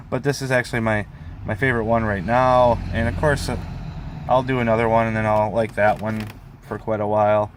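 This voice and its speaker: A man's voice: lowish voice, fairly even intonation, moderate pace, pauses often, a little hiss or hum. A man rambling informally in a casual hobby vlog, meandering and often leaving sentences trailing. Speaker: pipe hobbyist vlogger.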